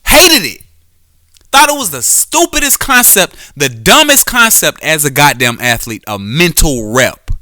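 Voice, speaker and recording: A man's voice: fairly high pitch, sing-song, unhurried, bright, forceful tone, no room sound, studio quality. A man hosting a solo podcast, talking casually and profanely about sports, with frequent restarts and self-corrections. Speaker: podcast host; former quarterback.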